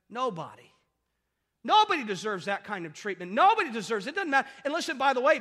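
A man's voice: very high voice, pushed and bright, long reverb tail. A male pastor preaching a sermon emphatically, firing off rhetorical questions and repeating his points.

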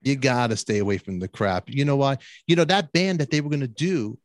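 A man, a musician, chatting earnestly about a late bandmate, halting and restarting his sentences. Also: medium pitch. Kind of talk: casual chat.

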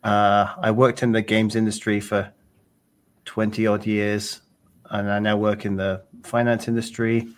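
A middle-aged man speaks as an interview guest in a casual, conversational style. His voice sits a little on the low side. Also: flat delivery, a little slow, smooth. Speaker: podcast guest, programmer and conference speaker.

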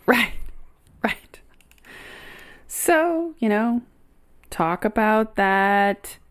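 Rich: A woman co-hosting a podcast in loose, frank conversation. Her pitch swings widely as she talks, and laughter comes easily. Her delivery is open and animated. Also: extremely slow, smooth. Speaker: podcast co-host. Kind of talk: frank casual chat.

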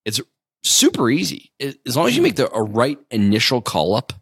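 A man's voice: medium pitch, huge pitch swings, gravelly, fairly bright tone, husky, no room sound, studio quality. A man who flies for a living, chatting casually and walking through radio calls in plain steps. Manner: explains fast, in plain steps. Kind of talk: casual chat.

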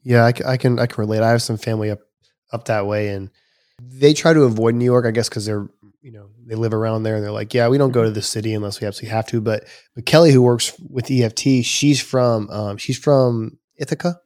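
A man hosting a casual interview, asking questions in a quick, friendly, agreeable way. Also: medium pitch, steady tone, a little mellow, no echo, studio quality. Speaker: interviewer, host.

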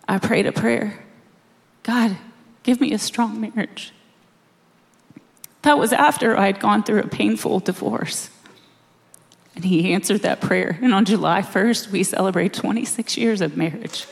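A middle-aged woman preaching a sermon in a slow, earnest way, dropping to quiet, soft stretches. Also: medium pitch, gravelly, big-room sound.

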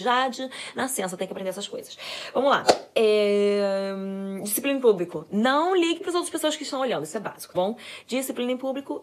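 A young woman, a mother, chatting fast and animatedly to viewers about raising her children. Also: fairly high pitch. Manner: fast, animated, self-described fast talker. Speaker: mother giving parenting advice. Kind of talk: casual chat to viewers.

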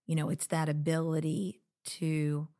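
Woman, middle-aged, very low pitch, co-host, casual reflective talk, chatty asides. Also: completely flat delivery, a little slow, warm tone. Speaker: co-host of a marriage show.

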